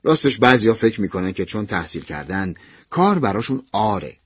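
A man with a husky voice playing a kindly older male professor who talks to his student in a soft, measured, fatherly way. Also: on the low side, very animated, no echo, clean studio sound, voice pushed down. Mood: gentle, probing. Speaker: university professor. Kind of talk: radio drama narration.

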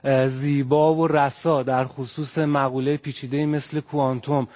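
A man's voice: mid-range voice, flat delivery, a little mellow. A man giving formal, ornate thanks to a guest speaker.

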